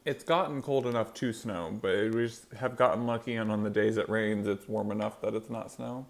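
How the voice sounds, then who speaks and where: A man's voice: on the low side, moderate pace, gravelly. Man chatting casually while chewing. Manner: rambling, loosely strung thoughts. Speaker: mukbang host. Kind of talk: casual eating-show chat to viewers.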